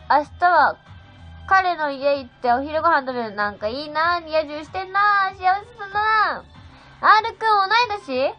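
17 yo girl doing a phone livestream, real high voice, bubbly, reads out comments, kinda muffled w/ soft music behind. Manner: bubbly, thanks viewers one by one. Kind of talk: casual livestream chat reading viewer comments. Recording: slightly dull sound with faint music.

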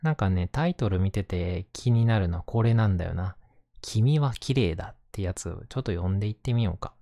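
A man with a Kansai accent talking gently and casually in a reassuring, intimate ASMR bedtime style, close to the microphone. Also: lowish voice, animated, a little fast, no room sound. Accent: Kansai Japanese. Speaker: host reading bedtime picture books to listener.

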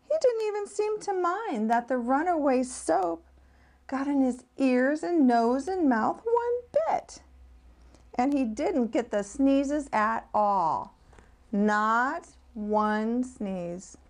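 Expressive woman reading a children's picture book. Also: high voice, slow. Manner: expressive, sing-song storytelling. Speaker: speech-language pathologist reading aloud.

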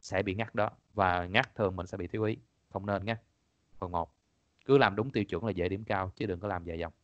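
A man's voice: low voice, fairly quick, no room sound. Man teaching, dull lo-fi audio. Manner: casual, chatty, repeats points, laughs often. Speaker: English teacher. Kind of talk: online exam-prep class.

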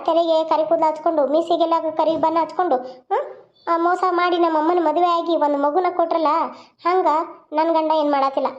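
A woman voicing a defiant young married daughter who taunts and scolds her father in a cartoon. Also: very high voice. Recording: dull lo-fi audio.

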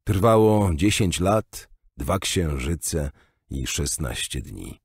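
A man reading an audiobook voices an old male scholar who explains things in a measured, gentle way. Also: low-pitched, big pitch swings, husky, dry recording, clean studio sound, heavily acted. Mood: explaining. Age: older. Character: old male maester, patient and learned.

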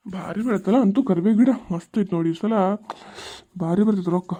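A woman's voice: mid-range voice, fairly quick, warm tone, lightly acted. A woman as a grumbling village woman. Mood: content muttering. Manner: muttering complaints to herself.

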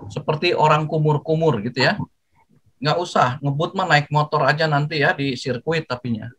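An older man giving a lively, jokey talk to students, acting out greetings as he goes. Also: a little high, normal speed, rough recording. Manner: jokey, animated, acts out greetings. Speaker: guest speaker.

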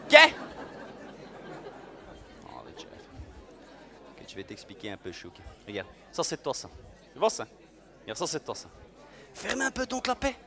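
A man playing a brash, swaggering, bigoted police officer in a live comic sketch, mocking and bursting into sudden shouts. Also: medium pitch, wildly swooping pitch, measured pace, long pauses, some chatter behind, exaggerated voice. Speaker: comedian at a live event. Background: faint audience in a room.

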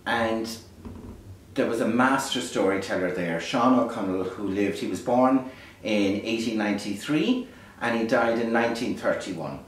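A man's voice: on the low side, lively intonation, normal speed. A man from Ireland with a lilting Irish storyteller's delivery, talking casually and reflectively to camera. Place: beside a small fire in a dark stone hearth. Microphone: distant camera microphone. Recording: echoey, distant, faint background noise.

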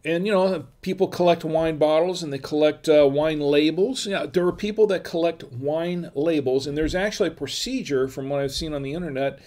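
A man's voice: fairly high pitch, normal speed, hardly any pauses, darkish tone. An older man from Florida hosting a home wine vlog, chatting in a rambling, digressive way with lots of fillers and chuckles, recorded on a webcam at his desk. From Florida, USA. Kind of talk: casual rambling livestream chat. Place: home room with wine bottle shelves.

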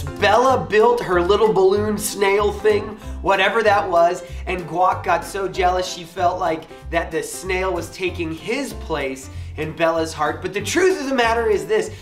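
A man's voice: high-pitched, a bit bright, far from the mic. An upbeat man speaks as a pastor giving an earnest, encouraging youth talk. His voice sits a little away from the mic. The room around him has a roomy echo.

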